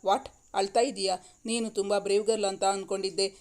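A woman's voice: medium pitch, little pitch movement, a little fast, a little mellow, close to an everyday voice. A woman voicing a tender, reassuring young man in a read-aloud romance story, speaking evenly.

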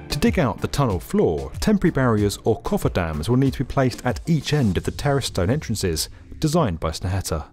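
A man narrating a scripted documentary in a lively, upbeat explainer manner. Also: medium pitch. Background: faint background music.

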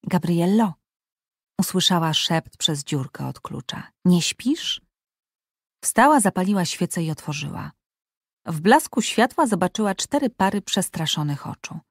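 A woman narrating an audiobook at a steady, even storytelling pace. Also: lowish voice, moderate pace, no room sound, studio quality.

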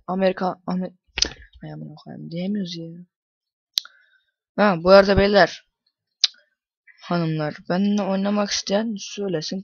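A man's voice: high voice, gravelly, breathy edge, no room sound. A young man, likely a teenager, commenting casually on his gameplay, swearing often and ranting at the game. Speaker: gaming YouTuber. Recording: muffled lo-fi home recording.

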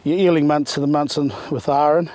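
A man's voice: a little high, little pitch movement, brisk, darkish tone. A middle-aged man with a broad New Zealand accent, a fisherman chatting casually and understatedly outdoors. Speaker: local eel fisherman. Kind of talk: casual chat. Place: open grassy wetland, outdoors.

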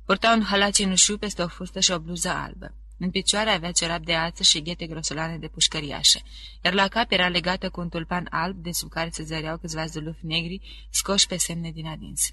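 An audiobook narrator giving a measured, descriptive reading of a classic novel. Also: mid-range voice, fairly even intonation, pushed and bright, slight background noise. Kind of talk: scripted literary narration.

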